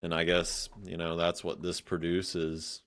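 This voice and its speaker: A man's voice: deep voice, completely flat delivery, measured pace, a bit bright. A man giving blunt, sarcastic reaction commentary, swearing freely and scattering fillers as he talks. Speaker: commentary streamer.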